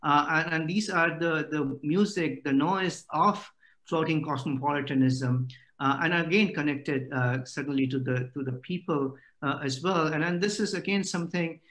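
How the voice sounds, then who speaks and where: A middle-aged man delivers an academic talk over a video call. His voice sits a little high for a man. He pauses often and fills the gaps with "uh.". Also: a bit bright. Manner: hesitant, many "uh" fillers. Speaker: lecturer.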